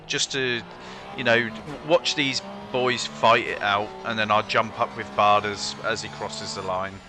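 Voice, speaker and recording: A relaxed, chatty male co-commentator on a live sim race. His voice sits at a middle pitch and talks easily, with music playing clearly behind him.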